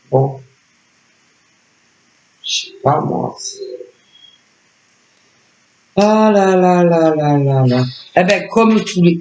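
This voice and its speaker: A man's voice: mid-range voice, echoey room, poor audio. A man giving a casual spoken tarot reading as a psychic, hesitant and repetitive, full of filler words. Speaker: psychic reader.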